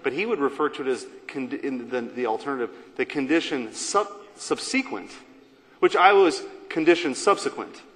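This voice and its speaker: A man's voice: mid-range voice, animated, normal speed, fairly bright tone. Chatty man debating in a senate chamber. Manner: conversational, chatty, rambling aside. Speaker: state senator. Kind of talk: floor debate. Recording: reverberant chamber with faint room noise.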